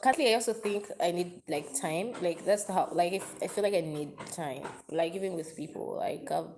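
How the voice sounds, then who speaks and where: A woman's voice: lowish voice, fairly quick, background noise. A woman chatting openly and emotionally on a live stream, answering viewers' comments. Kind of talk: casual confessional live chat.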